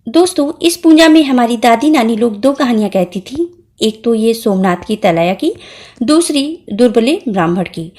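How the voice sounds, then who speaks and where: A woman's voice: on the high side, darkish tone. A woman narrating a devotional folk tale in a plain, homely way, speaking straight to her listeners. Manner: plain homely telling, addresses listeners directly. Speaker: storyteller.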